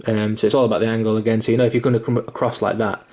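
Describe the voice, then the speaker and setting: Bloke talking thru a mini painting tutorial, kinda low and monotone, loads of ums and likes. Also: male voice, very fast. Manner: loose and rambling, full of fillers and restarts; mildly self-deprecating and sweary. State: hiccuping.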